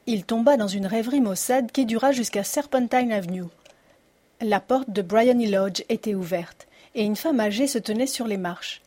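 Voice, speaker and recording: A woman narrating a detective story audiobook in a steady storytelling manner. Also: fairly high pitch, normal speed.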